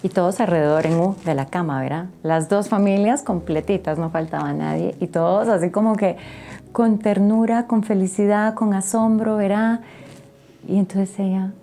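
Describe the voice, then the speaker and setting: A woman's voice: mid-range voice, moderate pace, mellow, slight background noise. A woman giving a personal faith testimony, telling her story earnestly and emotionally and often checking in with tag questions. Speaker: testimony guest.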